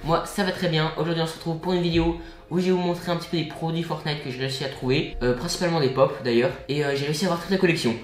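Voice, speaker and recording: A man's voice: a little high, fairly even intonation, very fast, roomy sound. A young man with a French accent chatting casually while showing his toy collection in an upbeat vlog. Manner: chatty, upbeat, many fillers and asides.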